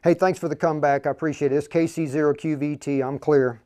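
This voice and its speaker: A man's voice: a little high, fairly even intonation, fast talker, darkish tone, slight background noise. A man hosting a live radio demo on a lapel mic, talking casually and using ham radio call-sign talk. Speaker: host and instructor.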